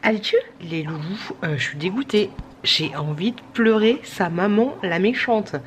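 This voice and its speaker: A woman's voice: medium pitch, normal speed. A tired woman, chatting casually to camera at home late at night, rambling with many fillers and restarts. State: a little sick. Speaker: vlogger. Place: home at night, pumping breast milk. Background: breast pump hum.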